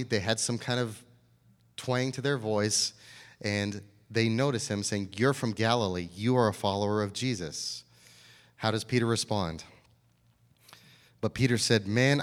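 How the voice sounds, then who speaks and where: A man preaches with a fairly low voice, walking through scripture in a plainspoken way and putting questions to his listeners. His words carry a long reverb tail through a large hall. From American South. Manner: plainspoken, explains scripture with everyday examples and questions. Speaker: pastor. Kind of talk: sermon.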